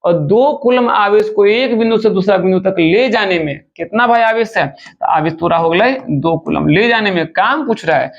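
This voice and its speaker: A male physics teacher races through exam questions in a quick, chatty way. His voice sits high and gravelly. The recording sounds dull and lo-fi. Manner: fast, chatty, addresses students informally as "bachcha". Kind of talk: objective-question exam lesson.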